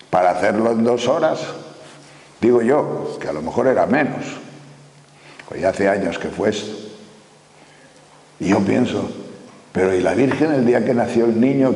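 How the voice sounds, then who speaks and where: A man's voice: lowish voice, creaky, darkish tone. Man, 80s, sermon, earnest rhetorical questions, roomy reverberant recording. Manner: earnest, rhetorical questions, repeats words while searching. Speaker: preacher. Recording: echoey hall with long reverb.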